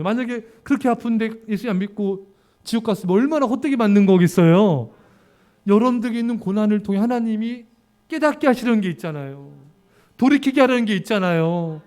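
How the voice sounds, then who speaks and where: High-voiced man preaching a sermon. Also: a little mellow. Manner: emphatic, questions the congregation directly. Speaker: pastor. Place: church service.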